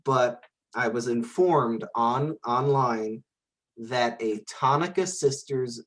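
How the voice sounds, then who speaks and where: Male co-host with a mid-range voice, halting and filler-heavy. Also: medium pitch, fairly bright tone. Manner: hesitant, full of "uh" and "like". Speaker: podcast co-host. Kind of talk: casual podcast chat.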